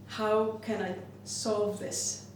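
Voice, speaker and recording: Lady in her 50s talking about her art, pretty flat voice, far from the mic, lots of echo and hiss. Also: mid-range voice, very slow. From Iceland. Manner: reflective, stops often to search for words. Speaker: glass artist presenting her work. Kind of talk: recorded artist presentation. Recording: very roomy, distant mic, noisy background.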